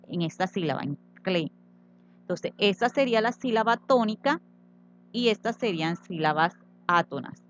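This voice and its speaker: A woman teacher explaining Spanish syllables and accents slowly and patiently in a recorded grammar tutorial. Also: medium pitch, lo-fi sound.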